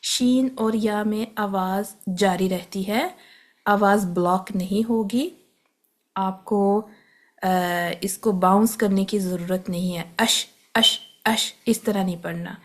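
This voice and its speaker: A woman teaching tajweed, patiently explaining where letters are formed and repeating each sound slowly, with English words mixed in. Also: medium pitch, steady tone, darkish tone. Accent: Pakistani Urdu. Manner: patient, step-by-step instruction mixing in English terms. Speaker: Quran recitation teacher.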